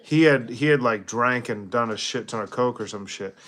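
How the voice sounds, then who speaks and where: A man's voice: medium pitch, moderate pace, a bit bright. A man hosting a casual live chat, rambling, trailing off and correcting himself mid-sentence. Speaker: host.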